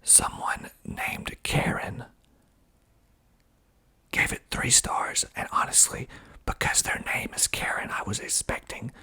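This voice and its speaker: Whispering in a breathy, husky ASMR style, a man goes through reviews of the film he made. Each line he reads and remarks on comes out hushed, slow, and deliberate.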